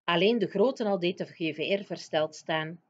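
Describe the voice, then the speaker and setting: A woman teacher reading a children's book aloud in a lively storytelling manner. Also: on the low side, moderate pace. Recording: dull lo-fi recording.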